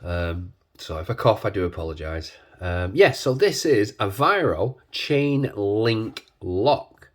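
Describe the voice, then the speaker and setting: A man congested with a cold, talking casually and hesitantly as he hosts a hands-on demonstration, his voice husky from man flu. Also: fairly low pitch, animated, takes it slowly, hardly any pauses. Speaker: video host.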